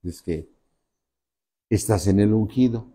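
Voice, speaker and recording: A man preaching a sermon as pastor, emphatic and drawn out, rising to loud high peaks and dropping to soft low asides. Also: takes it slowly, breathy edge.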